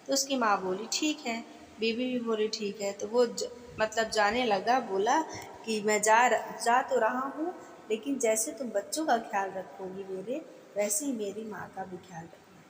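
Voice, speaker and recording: A woman retelling a devotional folk tale in a homely, chatty way, often pausing on fillers and restarting her sentences. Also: on the high side, a little hiss or hum. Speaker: devotional storyteller. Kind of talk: casual folk-tale narration. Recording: echoey room with long reverb.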